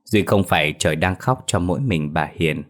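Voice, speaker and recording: A man narrating a horror story as storyteller in a slow, dramatic telling. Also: low-pitched, expressive.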